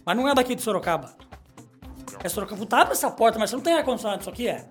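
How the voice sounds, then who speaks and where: A middle-aged man hosts a comedic radio show. He jokes, rambles and reads news items aloud in a small studio, with his pitch swinging up and down as he talks. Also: expressive, racing, fairly bright tone, faint music behind. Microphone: studio microphone.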